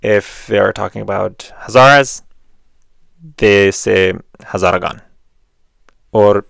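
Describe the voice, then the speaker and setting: A man from Afghanistan giving an earnest, measured explanatory monologue, pausing often with fillers. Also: fairly low pitch, gravelly, fairly bright tone, no echo, clean studio sound. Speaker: video essay host.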